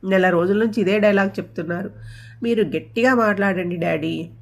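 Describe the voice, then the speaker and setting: A woman's voice: mid-range voice, a little fast, gravelly. A woman voicing a young adult elder daughter who keeps pleading with her father in a storybook reading. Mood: insistent. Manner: pleading, insistent.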